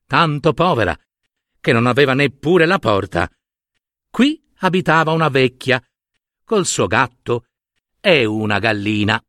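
Slow, expressive male storyteller. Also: mid-range voice, no room sound, clean studio sound. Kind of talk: reading a fairy tale aloud.

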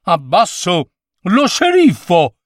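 A prickly number nine from a storybook scolds in a squeaky, swooping voice. He protests in an offended, huffy way. The sound is close and dry. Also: huge pitch swings, takes it slowly, no room sound, full character voice. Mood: indignant. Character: indignant touchy number nine, male.

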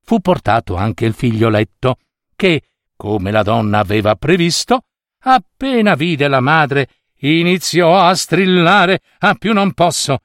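Lively male fairy-tale storyteller. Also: fairly high pitch, measured pace, no echo, clean studio sound. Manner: expressive, playful storytelling. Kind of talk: reading a fairy tale aloud.

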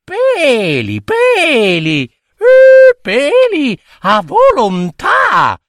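A cheeky little princess from a storybook, bold and teasing, acted by a man. Her voice sits very high and bounces in a sing-song chant. Every phrase is slow and drawn out. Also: wildly swooping pitch, a bit bright, no room sound, clean studio sound, heavily acted.

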